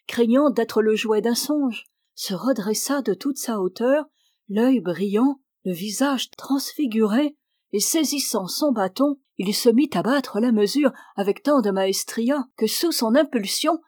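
A woman narrating a story, reading in a measured and expressive way. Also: a little high, no room sound, clean studio sound.

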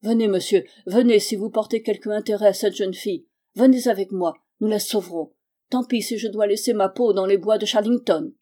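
A woman voicing a frantic, desperate bearded man who talks loudly. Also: medium pitch, normal speed, natural voice. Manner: loud and desperate.

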